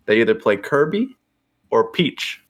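A man in his early twenties chats as a podcast guest in laid-back, slangy banter, saying "bro" a lot. His medium-pitched voice is sing-song and unhurried.

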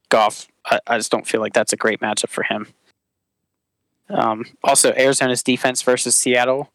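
Man giving relaxed, trash-talking matchup takes. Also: mid-range voice, no echo, rough recording. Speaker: fantasy league member on podcast. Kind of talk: casual chat.

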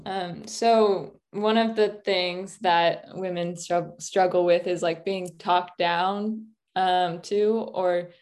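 A teenage student journalist asking interview questions in a hesitant, measured way. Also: female voice, on the low side, fairly even intonation, darkish tone. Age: teens.

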